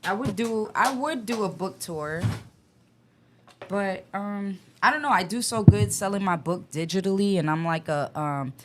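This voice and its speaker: A woman's voice: mid-range voice, expressive, unhurried, slight background noise. A woman guest author chatting in an interview, blunt and outspoken. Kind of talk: casual interview chat.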